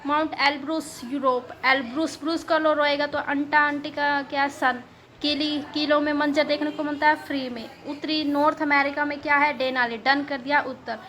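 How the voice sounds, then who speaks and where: A woman's voice: high-pitched, fairly even intonation, moderate pace, bright, forceful tone, a little hiss or hum. A woman teacher giving a playful exam lesson on memory tricks, repeating key words as she draws them out.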